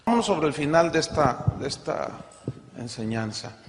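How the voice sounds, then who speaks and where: A pastor delivers an emphatic sermon, his fairly high voice lifting when he reads scripture. He speaks in a church hall, and long reverb trails after his words. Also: very animated, normal speed, noisy background. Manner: emphatic preaching, rising for scripture quotes.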